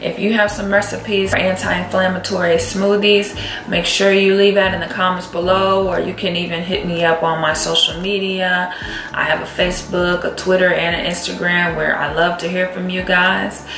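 A young woman chatting casually as she makes a morning smoothie in her home kitchen, filmed on a camera set on the counter. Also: lowish voice, normal speed. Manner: chatty, relaxed, talks while cooking. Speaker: vlogger. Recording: echoey kitchen with loud music.

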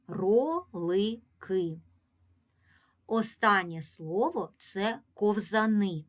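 A woman teaching a phonics lesson to small children, sounding out syllables and stretching vowels slowly. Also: on the low side. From Ukraine. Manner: stretches syllables and sounds out, calls words aloud. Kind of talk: slow, deliberate phonics lesson for young children.

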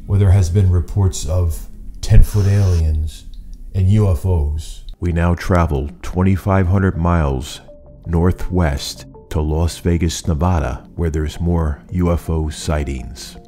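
A middle-aged man with a very low, mellow voice reads a script in an even, measured way. He speaks in a small indoor studio, framed chest up at his desk. Faint music plays beneath him. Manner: steady, measured delivery. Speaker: YouTube host. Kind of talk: scripted narration. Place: indoor studio room with monitors.

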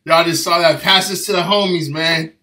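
A man co-hosting a music reaction, excitable and constantly exclaiming. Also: a little high, normal speed, far from the mic. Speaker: co-host of a music reaction channel. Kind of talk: hyped reaction chat.

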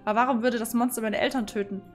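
A woman's voice: a little high, steady tone, very fast, faint music behind, close to an everyday voice. Woman reading as a frightened young girl. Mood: anxious.

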